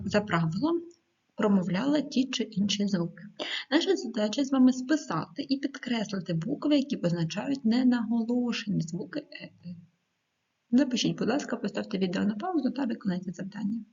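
Woman teacher, husky voice, slow careful dictation, dull lo-fi recording. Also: medium pitch, darkish tone. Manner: slow, clear dictation of words with hesitant fillers. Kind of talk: video lesson for schoolchildren.

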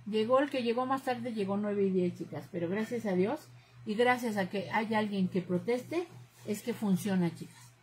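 A woman's voice: medium pitch, moderate pace, a little mellow, slight background noise, rough recording. A middle-aged woman with a Mexican Spanish accent, chatting openly to her viewers, outspoken, often calling them "chicas". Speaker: crafts channel host. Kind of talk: casual chat to viewers.

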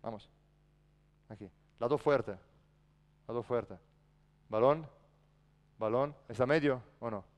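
A man's voice: mid-range voice, slow pace, pauses often, muffled recording. A man coaching a basketball practice in a large indoor gym, barking short commands and then explaining patiently. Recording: echoey gym reverb.

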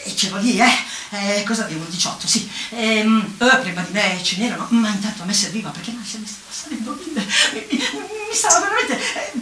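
A woman's voice: mid-range voice, moderate pace, hardly any pauses, slight background noise. A woman voicing a clumsy, exasperated old cartoon witch in a comic stage monologue, exclaiming and laughing as she talks. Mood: chatty. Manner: animated, exclamatory, laughs while talking. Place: outdoor town square stage. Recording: echoey, from far off, faint ambience.

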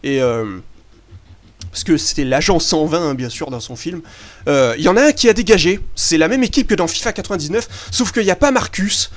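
A young French man hosts a gaming video, giving chatty, excitable let's-play commentary over a basketball video game. His voice is on the high side, and he swears casually and fills pauses with hesitations.

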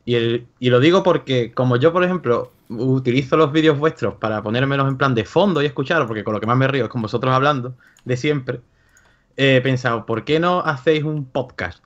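A man's voice: medium pitch, brisk, highs cut off. A man, calling in and chatting in an easygoing way. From Cádiz, Spain. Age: 20s. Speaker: caller. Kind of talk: call-in chat.

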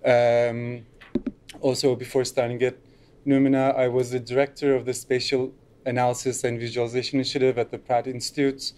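In a lecture room, a middle-aged speaker from Turkey delivers a loose, unscripted conference talk at the lectern, with frequent fillers. He speaks briskly in a mid-range, slightly mellow voice with a flat delivery.

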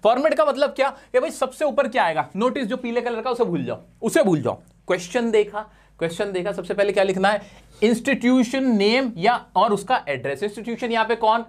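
A man's voice: high-pitched, animated, fairly quick. A male teacher giving a live exam revision class, talking in a chatty, teasing way and mixing in English terms.

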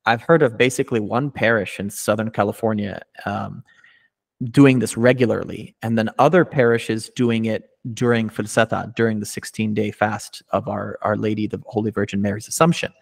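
A man's voice: lowish voice, steady tone, normal speed, creaky. A man in his thirties hosting an interview over a video call, asking detailed, thoughtful questions into a studio mic with a pop filter. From United States. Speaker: podcast host. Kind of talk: conversational interview. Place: small indoor room, video call. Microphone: studio mic with pop filter, headphones.

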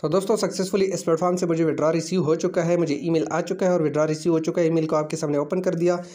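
The channel host, a man with a fairly high but dark-toned voice, talks quickly and fairly evenly. He narrates an app walkthrough step by step as an off-screen voice-over on a phone screen recording, leaning on repeated fillers.

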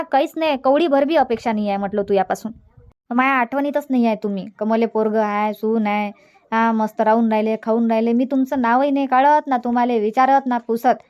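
A woman's voice: fairly high pitch, close to an everyday voice. A woman voicing a bitter, stubborn elderly village mother in a cartoon comedy, scolding and dismissive.

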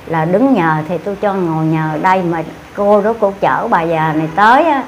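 A woman's voice: on the low side, moderate pace, a little hiss or hum. An older woman with a Southern Vietnamese accent, recounting an event in a rambling, repetitive way with many fillers. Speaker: interviewee. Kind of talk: casual storytelling.

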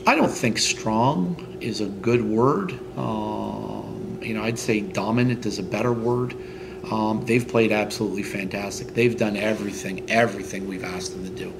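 A middle-aged man speaks as head coach in a post-game interview, his voice low and staying on an even, level pitch. He stops and restarts often and fills gaps with ums. A clear steady noise sits under the recording. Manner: halting, many fillers and restarts. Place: indoors in front of a team logo backdrop.

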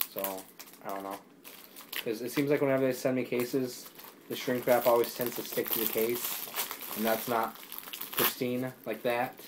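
Rambling excitable young man unboxing. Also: medium pitch, normal speed, background noise. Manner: rambling, excitable, filler-heavy. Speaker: YouTuber reviewing discs. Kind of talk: casual unboxing chat.

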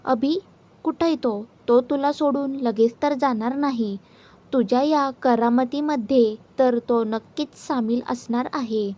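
Woman reading an irritated young brother, suspicious, slow, mellow, storybook. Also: high-pitched, dull audio. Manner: annoyed, suspicious. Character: irritated young man, protective elder brother.

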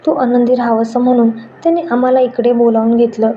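A woman's voice: fairly high pitch, level tone, a little fast, dark tone, lightly acted. A woman voicing a cheerful, chatty young woman friend who talks eagerly. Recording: dull lo-fi with faint noise.

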